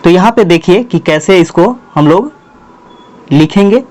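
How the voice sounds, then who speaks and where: A man with a Bihari Hindi accent teaches a school math lesson and dictates each number slowly, one word at a time. His voice sits a little high for a man. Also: animated, a little mellow. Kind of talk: board-work math lesson.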